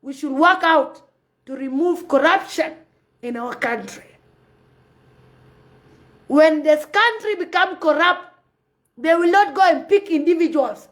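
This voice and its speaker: A woman from Sudan, giving passionate, preachy commentary on a live phone video and repeating her points. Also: very high-pitched. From South Sudan. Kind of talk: impassioned live-stream commentary.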